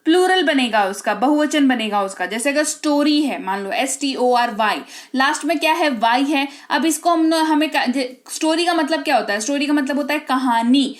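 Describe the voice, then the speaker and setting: High-voiced woman teaching English pronunciation. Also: normal speed. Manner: explains step by step, often asks "ठीक है?" and "है ना?". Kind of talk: Hindi-language English lesson.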